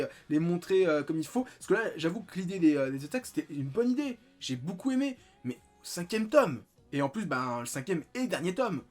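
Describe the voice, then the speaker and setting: Chatty man reviewing manga. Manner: rambling, many fillers and restarts, lively swings in pitch. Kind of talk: casual spoken book review.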